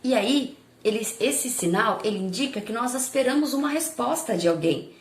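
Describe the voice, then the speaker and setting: A Brazilian woman teacher records a review lesson, explaining each point patiently and checking in with her pupils. Her voice has a gravelly fry. The room around her sounds echoey. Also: on the high side, animated, moderate pace. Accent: Brazilian Portuguese. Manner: patient, explaining step by step with frequent check-ins.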